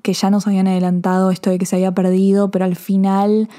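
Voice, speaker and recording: A woman with an Argentine accent casually reviewing a TV episode, rambling and excitable, full of fillers and restarts. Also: mid-range voice, quick pace. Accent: Argentine Spanish. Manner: excitable, emotional. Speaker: TV series reviewer.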